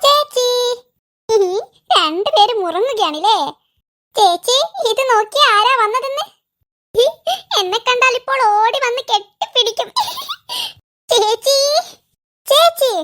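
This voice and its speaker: Ikru, a squeaky cartoon boy. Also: measured pace, pauses often, bright, forceful tone, soft background music, heavily acted. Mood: eager. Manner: squeaky cartoon voice, whiny and sulky. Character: cheeky little boy, attention-seeking and easily hurt. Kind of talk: comic cartoon dialogue.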